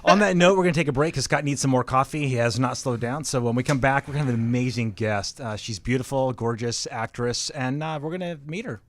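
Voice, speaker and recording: A man's voice: mid-range voice, quick pace, few pauses, dry recording. A man hosting a talk show, chatting casually and agreeing in short replies. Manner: agreeable, brief backchannel replies. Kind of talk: casual chat.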